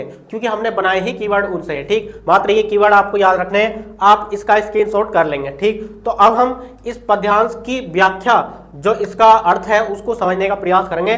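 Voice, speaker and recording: A man with a fairly high voice teaches an exam-prep lesson. He works through the lines of a poem one by one and keeps coming back to the same short check-in phrase. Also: fairly bright tone. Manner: repeats "ठीक है" constantly, explains line by line.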